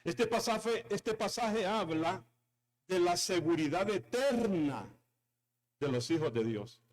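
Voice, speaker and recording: Male pastor, high voice, emphatic sermon delivery that calls on the room. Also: expressive, slow. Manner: emphatic preaching with repetition and calls to the congregation.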